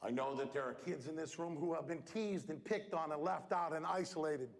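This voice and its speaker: A man giving an animated motivational speech to students at a school assembly, exuberant and calling out to the crowd with sudden shouts. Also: on the high side, brisk. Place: large school hall with student audience. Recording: echoey hall with faint crowd noise.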